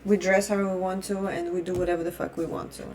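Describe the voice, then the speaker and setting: Talking fast in a level, slightly mellow voice on the low side, a young Russian woman whose first language is Russian vlogs an opinion rant. It is blunt, heated, and full of swearing and restarts, with a little hiss or hum in the recording.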